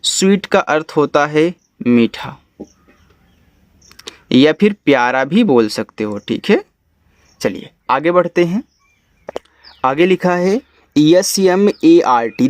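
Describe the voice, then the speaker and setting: A man's voice: fairly high pitch, no echo, studio quality. A man with a Hindi accent teaching English reading, spelling each word out letter by letter and then explaining it patiently.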